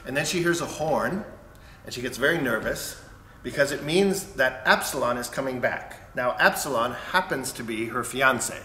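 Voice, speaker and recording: A man's voice: medium pitch, expressive, moderate pace, bright, forceful tone. A man, a conductor, casually retelling an opera plot and briefly acting out the characters' lines. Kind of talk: casual spoken introduction. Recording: echoey room with faint noise.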